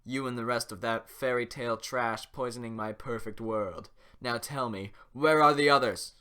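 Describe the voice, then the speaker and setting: A man voicing a small, cruel, vain lord who makes cold, menacing threats in a lowered voice. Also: steady tone, moderate pace, bright, forceful tone, smooth, lightly acted.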